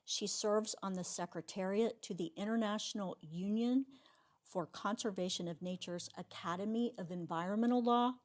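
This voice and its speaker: A woman's voice: medium pitch, normal speed, a little mellow. A woman hosting an event, giving a formal, admiring introduction of a guest speaker. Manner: admiring, reads out credentials. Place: lecture hall.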